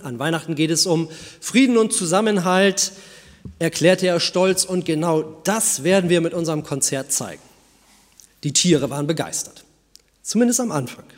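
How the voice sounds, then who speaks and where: Male pastor, sermon, higher voice, calm storytelling, church echo. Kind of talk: sermon with a read fable. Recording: long church reverb.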